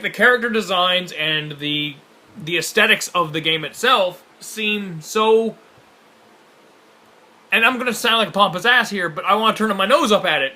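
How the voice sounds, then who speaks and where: Sharp, bright-toned sarcastic man. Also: high voice. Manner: sarcastic and blunt, swears, stammers on restarts. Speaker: co-host. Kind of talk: casual game-showcase reaction chat.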